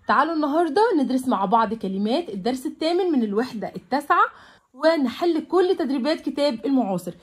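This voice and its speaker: A young woman with an Egyptian Arabic accent teaching English vocabulary to young pupils, repeating each word slowly and patiently. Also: sits high, slightly rough.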